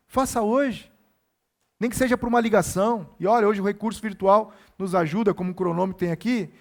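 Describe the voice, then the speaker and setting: A male pastor preaching a sermon, earnest and exhorting, repeating his key phrases for emphasis. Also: high-pitched.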